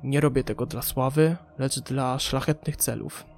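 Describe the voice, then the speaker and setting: A man's voice: medium pitch, fairly even intonation, normal speed, creaky, a little mellow, faint music behind, close to an everyday voice. A man voicing a polite, persuasive, ambitious male journalist in an audiobook.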